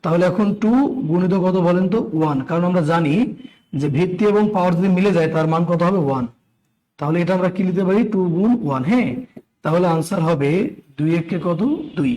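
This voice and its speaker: A tired man with a Bangladeshi Bengali accent and a strained, high voice teaches a live online math class, repeating steps, quizzing his students, and greeting chat members by name. He talks slowly overall, though his pace comes across as quick, with a darkish tone. The audio quality is poor.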